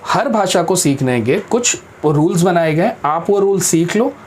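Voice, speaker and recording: Man, interview guest, firm and practical, slightly high voice, faint background hum. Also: animated, a little slow. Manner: firm, practical, mixes English into Hindi; addresses interviewer respectfully as sir. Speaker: guest speaker on careers. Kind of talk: explanatory interview talk.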